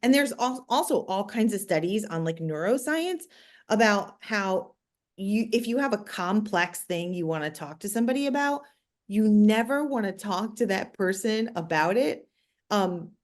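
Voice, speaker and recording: Her voice is medium in pitch and animated, moving at a moderate pace. She's a New Jersey–accented communications expert on a podcast, explaining her advice directly and with emphasis in a conversational tone.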